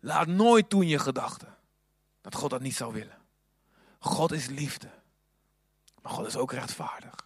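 A man preaching a sermon, moving between hushed, whispered passages and loud, fervent appeals. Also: medium pitch, sing-song, unhurried, pauses often, slightly rough, dry recording, studio quality.

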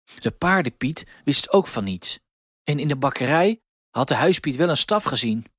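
A man narrating a children's storybook with expressive, clear delivery on a close mic. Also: mid-range voice, normal speed, dry recording.

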